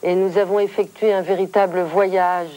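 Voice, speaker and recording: A woman hosting a formal TV interview, speaking in measured, eloquent phrases. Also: lowish voice, little pitch movement, warm tone.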